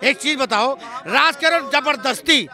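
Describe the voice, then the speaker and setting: A man's voice: very high voice, normal speed, pushed and bright. A man arguing heatedly as a street interviewee, insisting on being heard and repeating his points. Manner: insistent, repeats himself, talks over others.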